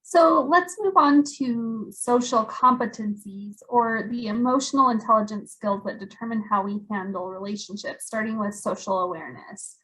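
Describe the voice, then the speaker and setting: A woman giving a scripted workshop presentation with steady, explanatory delivery. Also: a little high, moderate pace, few pauses, low-quality recording.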